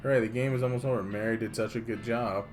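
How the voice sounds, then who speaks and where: A man voicing a creepy little talking girl doll in a calm, childlike, sweetly friendly manner for a game. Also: medium pitch, fast, close to an everyday voice. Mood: sweetly eager. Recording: music playing behind the voice.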